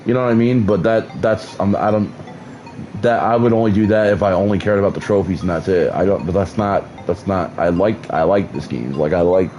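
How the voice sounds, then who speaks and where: Here a game streamer's low, mellow voice comes through a rough recording. He chats casually about his gameplay, rambling, restarting a lot and swearing, and he is losing his voice with a numb mouth.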